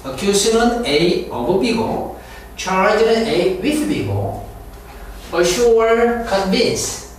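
A male teacher lectures in a roomy, echoing space, heard from some distance off the mic. His voice sits high and swings widely in pitch while he talks slowly. He repeats English words emphatically for his class over a faint room hum. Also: big pitch swings. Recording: echoey room picked up from afar.

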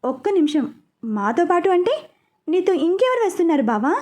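A woman's voice: extremely high pitch, big pitch swings, normal speed, darkish tone, voice pushed up. A woman voicing a sulky, dramatic young woman who pleads and whines like a child, in a storybook reading. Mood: whiny.

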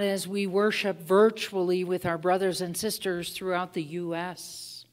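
A woman pastor leads prayers at an unhurried, measured pace, her voice set slightly low. Her words hang in a long cathedral-style church echo. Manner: slow, measured liturgical delivery. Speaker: pastor leading worship. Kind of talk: liturgical prayer leading. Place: church sanctuary. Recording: long church-hall reverb.

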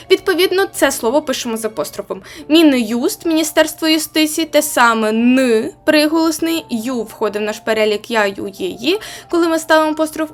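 A woman with a Ukrainian accent teaching a grammar lesson for an exam, explaining each rule step by step and giving examples. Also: on the high side. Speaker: Ukrainian language tutor.

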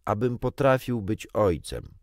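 A man voicing a shy, obedient boy who speaks earnestly and gravely. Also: lowish voice, expressive, a little mellow, dry recording, studio quality. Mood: solemn. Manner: shy, solemn, drawn-out.

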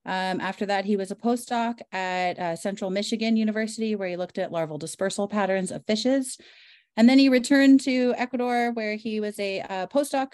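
A woman's voice: mid-range voice, moderate pace, a little mellow. Woman host introducing a speaker. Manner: enthusiastic, many fillers. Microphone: video call.

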